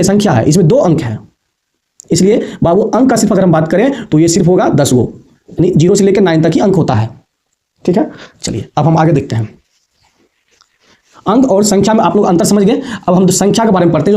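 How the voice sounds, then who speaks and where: A man's voice: sits high, expressive, fast talker, mellow. A man teaching a basic maths lesson to students, repeating points patiently and calling them affectionately. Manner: repetitive, addresses students as babu and bachchon.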